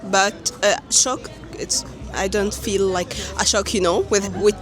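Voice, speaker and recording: Slow Egyptian-accented man on a busy street. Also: high voice, music in the background, a crowd in the background. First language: Arabic. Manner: relaxed, laughs often, halting with fillers. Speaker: interviewee. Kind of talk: street interview answers. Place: busy city street outdoors.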